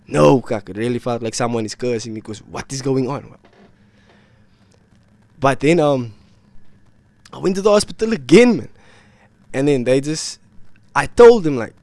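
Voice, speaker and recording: A sick, worn-out young vlogger tells his viewers a rambling story about his illness, full of slang and repetition, speaking casually to camera. His medium-pitched voice is a little mellow, and there's no room sound.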